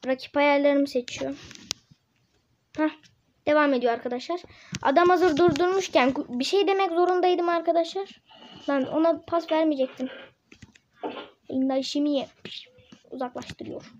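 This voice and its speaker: A woman gameplay YouTuber, giving loud, excitable commentary over a football game and repeating her shouts. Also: high-pitched, moderate pace, long pauses, dull audio, a little hiss or hum.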